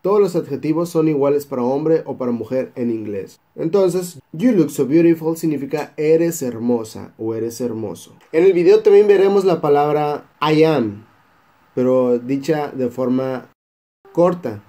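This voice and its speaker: A young Mexican man from Baja California Sur with a Mexican Spanish accent, teaching English phrases and slowly repeating each one for learners. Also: fairly high pitch, mellow. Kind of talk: English lesson for Spanish speakers.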